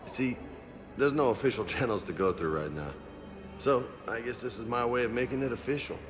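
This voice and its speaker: An actor plays a brash young marine in a game cutscene, his medium-pitched voice brisk and only lightly acted against background music. The character is relaxed and joking, laughs easily, and remains loyal beneath the banter.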